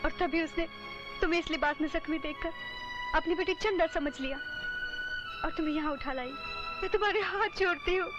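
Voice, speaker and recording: A woman's voice: very high voice, fairly quick, pauses often, muffled recording, music in the background. An actress playing a young woman who earnestly explains a family tragedy and begs another woman to stay. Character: young woman pleading for her mother's sake.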